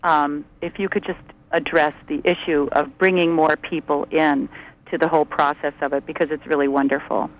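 A woman's voice: low-pitched, level tone, moderate pace, rough recording. An older woman, a retired teacher, calling in over the phone to a radio talk show and chatting earnestly. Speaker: caller. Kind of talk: casual call-in chat.

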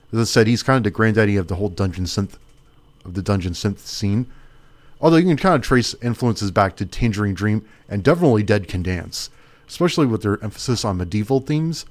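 A man hosting a small radio music show, chatting casually and rambling as he thinks aloud. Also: lowish voice. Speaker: radio host.

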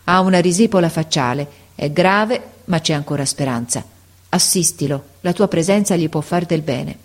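A woman reading aloud, giving the lines of a grave, elderly male doctor who speaks in a gently reassuring way. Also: deep voice, moderate pace. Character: aged, grave, tall male hospital doctor.

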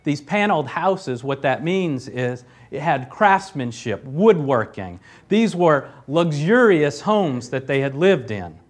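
This pastor's voice is a little high and sing-song, slow yet with hardly any pauses. Reading scripture aloud during his sermon, he preaches emphatically, swelling loud on key phrases, and tosses in casual asides as he presses his points.

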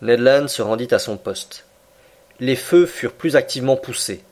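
A man in the middle of his range reads a classic adventure novel aloud. His delivery is steady and measured, the voice of an audiobook narrator. His tone stays even through long descriptive passages. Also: mid-range voice.

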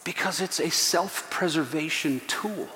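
Male pastor, fervent sermon, high bright voice, joking asides, long hall reverb. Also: unhurried, slight background noise. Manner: fervent preaching, swinging from hushed to loud. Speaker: senior pastor. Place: church sanctuary. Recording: echoey church hall.

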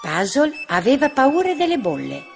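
A woman narrating a children's storybook in a slow, expressive reading voice. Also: high voice, creaky. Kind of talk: children's story read-aloud. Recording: music bed under the voice.

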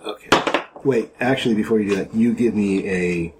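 A man running a tabletop game as game master, pausing and restarting as he explains the rules. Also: lowish voice, very noisy.

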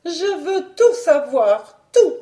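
A woman putting on a shrill, excitable baroness. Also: slow pace. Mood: demanding. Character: shrill, hysterical rich middle-aged baroness.

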